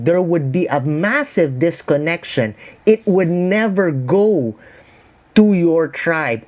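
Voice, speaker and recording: A man's voice: a little high, a little mellow. A man with a Filipino accent, speaking as a consultant in an explanatory interview style, building points through repetition and lists. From Philippines. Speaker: branding consultant.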